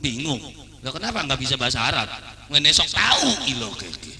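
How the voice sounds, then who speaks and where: A man gives a humorous sermon and slips into voices for the people in his stories. His voice is bright and ringing. It comes over a PA system with a long, echoing reverb. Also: mid-range voice, very animated, brisk, creaky. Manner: acts out dialogues, sings folk songs. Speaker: preacher. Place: outdoor wedding reception stage.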